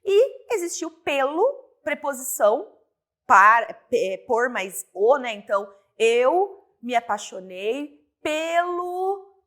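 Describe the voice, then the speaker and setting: Brazilian woman teacher, slightly high voice, walks through grammar rules step by step, keeps checking in with the class. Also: very animated, takes it slowly, a bit bright. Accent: Brazilian Portuguese. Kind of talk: online grammar lesson.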